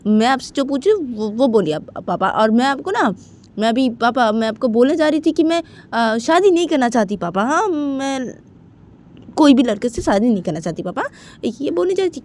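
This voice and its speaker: A woman's voice: high-pitched, darkish tone, voice pushed up. A woman voicing a college-age daughter who pleads with her father, repeating "papa" over and over in an amateur spoken story. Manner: repetitive, pleading with many "papa"s.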